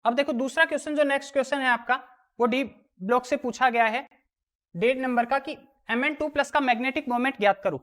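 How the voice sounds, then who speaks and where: A woman's voice: sits high, fairly quick. A woman teaching a chemistry lesson, asking the class questions and answering them herself. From India. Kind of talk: classroom lesson explaining worked exam problems.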